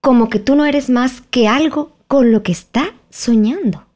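A woman voicing a boastful, teasing twin brother in an audiobook, in a high squeaky voice. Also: unhurried, darkish tone. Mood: smug. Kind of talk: audiobook character voice.

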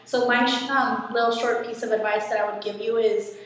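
A woman's voice: on the high side, fairly even intonation, brisk, a bit bright, recorded from a distance. A young woman student gives an earnest, encouraging testimonial to a laptop webcam in a small room. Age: young adult. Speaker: first-generation college student. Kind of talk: short testimonial to camera. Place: small dorm room, indoors. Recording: echoey room, from the mic, faint hiss.

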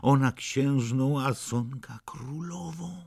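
A proud, eager young princess, as a male reader puts her on, pressing her questions with insistent emphasis. The voice stays gravelly and husky, lifted a little above the reader's own low register and delivered slowly, as in a storybook reading. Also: exaggerated voice. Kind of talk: audiobook character reading.

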